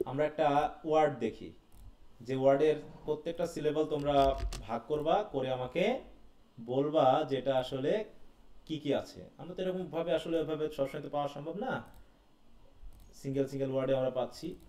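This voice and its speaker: A man's voice: on the high side, moderate pace, pauses often, mellow. A man teaching an online class, quizzing students and calling on them by name. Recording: roomy echo from far off the mic.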